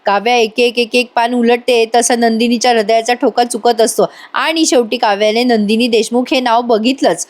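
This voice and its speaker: A woman narrating a voice-over recap of a TV serial episode, chatty and exclamatory, talking directly to her viewers. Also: on the high side. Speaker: TV serial reviewer.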